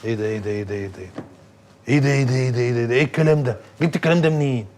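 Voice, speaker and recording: An actor playing a stern Egyptian merchant boss with an Egyptian accent, sarcastic and commanding. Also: male voice, medium pitch, very fast, a little mellow, close to an everyday voice. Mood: mocking. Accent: Egyptian Arabic. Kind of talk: TV drama acting.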